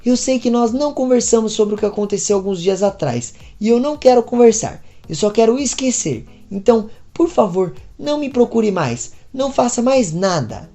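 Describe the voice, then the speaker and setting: A woman's voice: fairly high pitch, sing-song, normal speed, few pauses, mellow, soft background music, pitched above the performer's own voice. A woman voicing an upset young married woman who speaks anxiously and pleadingly. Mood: distressed.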